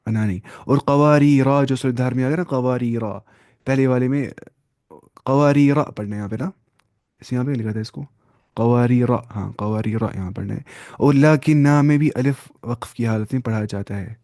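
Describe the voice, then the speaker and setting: A man's voice: medium pitch, warm tone, no room sound, clean studio sound. A man teaching Quran reading in a live online class over a video call, patient and repeating each term. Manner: patient, explains by repeating terms. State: sleepy.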